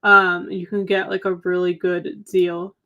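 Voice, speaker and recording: A woman's voice: lowish voice, little pitch movement, measured pace, pushed and bright, lo-fi sound. Young adult woman, livestream co-host, casual filler-heavy chat, slightly tired voice. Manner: chatty, lots of "um" and "like". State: slightly losing her voice. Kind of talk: casual chat reading viewer comments.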